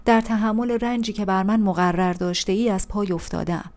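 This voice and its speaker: A woman's voice: mid-range voice, fairly even intonation, a little mellow, lightly acted. A woman reading aloud, voicing an anguished male prophet who cries out in bitter reproach to God over a ruined city. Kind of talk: audiobook reading.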